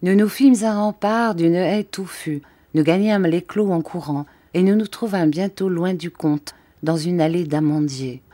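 A woman narrating a classic novel as an audiobook, in a measured, composed manner. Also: lowish voice, warm tone.

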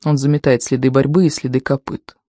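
An audiobook narrator reads scripted prose in a steady, measured way. The tone is mellow and dark. The recording is dry and close to the mic. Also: mid-range voice, no room sound.

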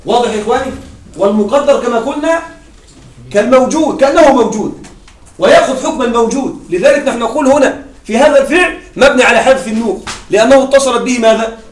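Male grammar teacher with a very high voice, quizzing the class and repeating key points, recorded from a distance in a roomy space. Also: quick pace. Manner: asks the class questions and answers them himself. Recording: echoey room, mic at a distance.

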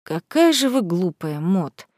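A woman reading an audiobook, voicing a cold, contemptuous middle-aged male butler who speaks slowly and wearily. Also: medium pitch, animated, no echo, clean studio sound, natural voice. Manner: slow, contemptuous, weary.

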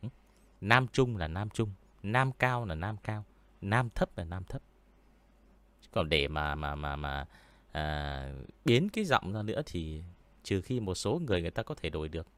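A man with a deep voice, hosting a story-reading channel and chatting casually with viewers, unhurried and full of hesitant fillers. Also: animated, fairly bright tone, no echo. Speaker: horror story reader and channel host. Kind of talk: casual livestream chat answering viewers. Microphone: studio mic with pop filter.

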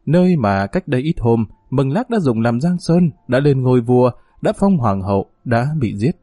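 A man narrating a novel as an audiobook in an expressive, dramatic storytelling manner. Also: medium pitch, normal speed, no room sound, studio quality.

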